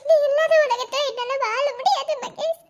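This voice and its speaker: A clingy, tearful young wife in an animated cartoon. Her tone sits extremely high, almost childlike, and she pleads through sobs. She sounds desperate not to be left alone. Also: moderate pace. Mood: tearful pleading.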